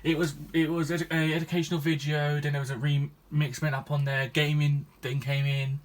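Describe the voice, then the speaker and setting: Talking a little fast with a flat delivery and a fairly high voice, this gaming YouTuber, aged 21, rambles to his audience in a casual vlog. He hesitates constantly, full of ums and restarts.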